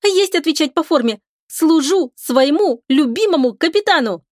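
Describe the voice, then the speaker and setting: A woman voices a bubbly, eager young female sailor aboard a starship, pitching well above her natural voice, which sits high and animated. Her delivery is playful and sing-song at normal speed, elated in mood, in a dry, clean studio recording.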